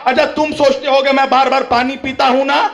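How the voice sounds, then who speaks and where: A man giving an impassioned religious speech at a mourning gathering, speaking straight to his listeners, firing rhetorical questions with a repeated "hain?" and rising to shouts at the peaks. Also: very high-pitched, level tone, a little fast, creaky. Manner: rises to shouting at climaxes; speaks directly to the audience.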